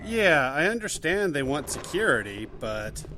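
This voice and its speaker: A man's voice: a little high, big pitch swings, normal speed, noisy background. A man hosting a let's play, giving casual, joking, conversational gameplay commentary. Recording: game music behind the voice.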